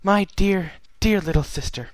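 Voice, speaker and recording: A regal immortal pony princess, sorrowful and solemn, put on by a male reader. Her voice sits noticeably above his usual register and stays earnest and measured. The sound is dry and close. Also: high-pitched, dry recording, pitched above the performer's own voice, close to an everyday voice, low-quality recording. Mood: tender, pleading. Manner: solemn, earnest letter-reading. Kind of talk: fan fiction reading.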